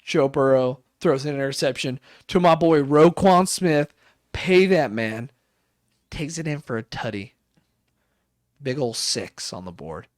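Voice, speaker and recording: A young man in his twenties co-hosting a podcast, rambling excitedly about football with plenty of swearing. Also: medium pitch, unhurried, no echo, studio quality. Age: 20s. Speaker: podcast co-host. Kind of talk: casual chat.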